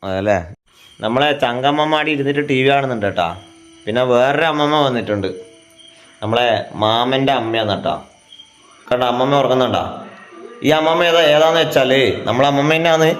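A man's voice: mid-range voice, brisk, pauses often. A man, chatting casually to viewers at home as a family vlogger and asking teasing questions. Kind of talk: casual vlog chat. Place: at home indoors.

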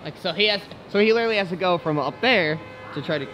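A man's voice: high voice, fast, fairly bright tone, faint music behind. A young man hosting a casual vlog from inside a vehicle, laid-back and joking, laughing often. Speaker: vlogger host.

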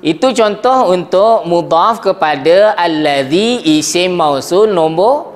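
A man teaching an Arabic grammar class, lively and often checking in with his students. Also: high voice, slow. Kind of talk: classroom lecture.

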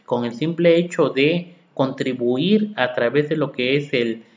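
A man with a medium-pitched voice speaks at a measured pace in a podcast lecture about tax law. He is a Mexican accountant who reads legal articles out loud and follows each with explanations built on rhetorical questions to listeners. Sound quality is dull and lo-fi, with room echo.

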